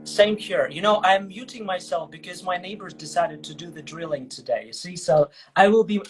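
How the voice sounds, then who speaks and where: A man with a high-pitched voice talks at a normal speed over faint background music, and the recording quality is low. He's an English teacher hosting a casual livestream chat, enthusiastic and chatty, often checking in with listeners through "okay?" and "you know?".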